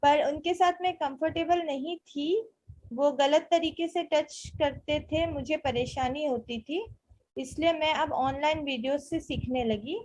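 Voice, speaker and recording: A woman's voice: high-pitched, unhurried, darkish tone, poor audio. A young woman, an English teacher, reads viewer letters and answers them in an encouraging, casual mix of Hindi and English.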